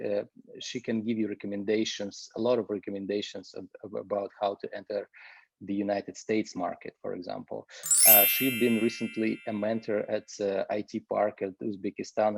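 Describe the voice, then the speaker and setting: A man hosting an online conference over a video call, speaking in a halting way with many fillers and restarts. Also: lowish voice, creaky, darkish tone, breathy edge, no echo. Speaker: host. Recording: dull, dry, lo-fi sound.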